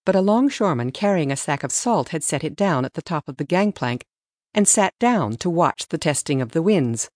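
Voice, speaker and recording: A woman reads an audiobook story from a script in a voice low for a woman, with lively intonation, a moderate pace and a slightly mellow quality. The recording is dry and close, with little room sound and no echo.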